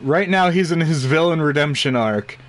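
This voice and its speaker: A man's voice: a little high, animated, normal speed, a little hiss or hum. A man running a tabletop game as game master, chatty and often restarting his sentences. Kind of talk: casual tabletop game narration.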